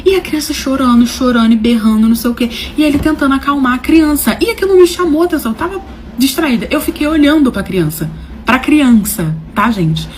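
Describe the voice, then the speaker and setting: A woman telling a personal story to her viewers, animated and dramatic, with slangy phrasing and swings between loud and soft. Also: high-pitched, a little fast, a little hiss or hum. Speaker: storyteller host. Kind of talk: casual storytelling to camera.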